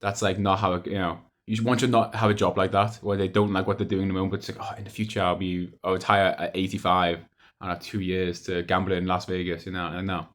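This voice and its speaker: A man's voice: sits low, flat delivery, fast, fairly bright tone. A young adult man talking casually in a rambling, hesitant monologue, repeating himself and letting thoughts trail off. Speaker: video diarist.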